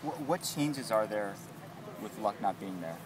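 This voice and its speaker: A man working as a sports reporter, asking halting questions in a press scrum and rephrasing them as he goes. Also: lowish voice, expressive, distant mic. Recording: off-mic, loud outdoor traffic noise.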